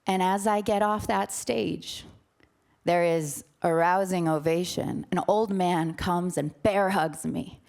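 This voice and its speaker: A woman's voice: on the low side, fairly even intonation, takes it slowly, gravelly, a little mellow. A woman in her thirties telling a personal story on stage in a dramatic, vivid way.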